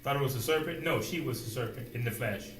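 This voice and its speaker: A man preaching a sermon, asking rhetorical questions and dropping suddenly to a quiet voice. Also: mid-range voice, fast, far from the mic, a little hiss or hum. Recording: roomy echo, voice away from the mic, faint ambience.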